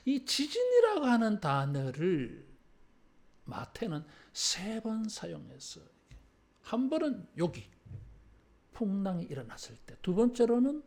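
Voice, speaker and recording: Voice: mid-range voice, big pitch swings, measured pace, a little mellow. A pastor preaching a sermon in a conversational way, often tagging phrases with a filler word and asking the congregation to repeat after them. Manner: shifts between formal and casual speech. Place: church service.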